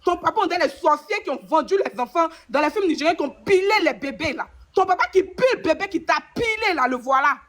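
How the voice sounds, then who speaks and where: A woman's voice: very high voice, expressive, fast, hardly any pauses, fairly bright tone. A woman with an Ivorian French accent trading rhythmic, repetitive insults on a live stream panel.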